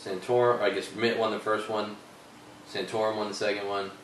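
A man's voice: lowish voice, little pitch movement, brisk, a bit bright. A man hosting a casual political talk show, ranting in a heated, sarcastic way. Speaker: show host. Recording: echoey room, distant mic, faint noise.

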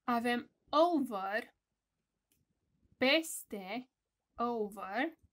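Romanian teacher woman drilling words slowly. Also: fairly high pitch, lively intonation, fairly bright tone. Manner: slow, emphatic word drills with repetition. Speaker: English teacher for young children. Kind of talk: televised home-school lesson.

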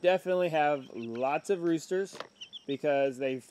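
A Texan-accented man in his thirties films himself at arm's length on a handheld camera while showing his animals around his rural homestead in a casual walk-and-talk vlog. He's chatty and excitable and talks to the animals, his clear, resonant voice a little high at a moderate pace.

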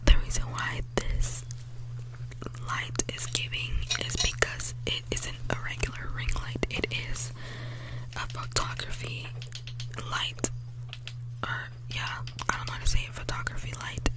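A breathy whisper from a teenage girl, very close on the microphone. She rambles casually in ASMR style, keeping her words unvoiced and intimate in a small indoor room. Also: a little slow, pauses often, rough recording. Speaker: ASMR creator. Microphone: desktop condenser mic, very close.

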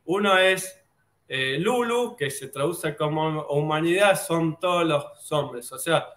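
A man with a Rioplatense Spanish accent talks through an idea in a loose, casual way. He rambles, restarts his sentences and fills the gaps with hesitations, in a slightly high voice. The room around him is echoey. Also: takes it slowly, a bit bright. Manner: rambling, with many fillers and restarts. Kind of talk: casual explanatory talk.

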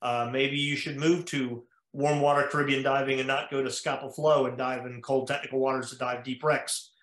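A man's voice: mid-range voice, flat delivery, moderate pace, a bit bright. A male cardiologist with an American accent, giving a methodical slide lecture over a video call, explaining step by step with frequent "uh" fillers. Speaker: cardiologist lecturing at a diving conference. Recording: echoey room.

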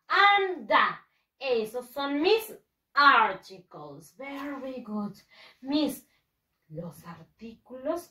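Woman, primary English teacher, bilingual drilling, very slow, lively pitch, echoey room, distant mic. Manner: cheerful, repeats each phrase in English then Spanish, drills pronunciation; voices pupils' questions to herself. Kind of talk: bilingual lesson for young children.

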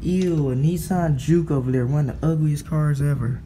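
A man's voice: on the high side, moderate pace, mellow, a little hiss or hum. Blunt, profane young man vlogging a storm. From United States. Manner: blunt and profane, scolding then muttering. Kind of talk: casual vlog commentary. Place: indoors at a window during a storm.

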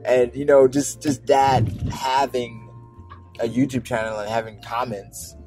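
A man's voice: mid-range voice, little pitch movement, measured pace, darkish tone. A man talking casually while driving, rambling with many restarts and fillers as he speaks to his viewers. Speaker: anime YouTuber. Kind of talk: casual car vlog monologue. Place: driving in a car. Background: faint background music.

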